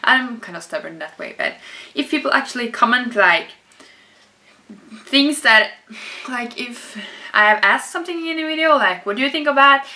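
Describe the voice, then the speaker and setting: A woman's voice: on the high side, animated, normal speed, long pauses, pushed and bright. A young Norwegian woman with a Norwegian accent, answering viewer questions in a chatty, rambling vlog full of fillers and restarts. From Norway. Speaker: YouTuber. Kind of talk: casual vlog Q&A.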